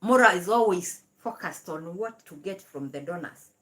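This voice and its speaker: A woman's voice: fairly low pitch, expressive, moderate pace. A young woman hosting a live stream, giving mocking commentary and laughing between remarks.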